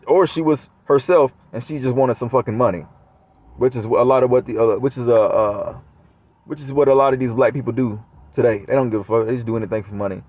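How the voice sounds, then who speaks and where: A man vlogger talks straight to his viewers in a casual, rambling monologue full of frequent swearing. His mid-range voice is a little mellow, and the recording is dry.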